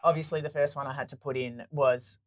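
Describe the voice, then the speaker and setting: A woman's voice: extremely low pitch, steady tone, brisk, soft background music. A woman with an Australian accent hosting a podcast in a playful, teasing casual chat, laughing often. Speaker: podcast host.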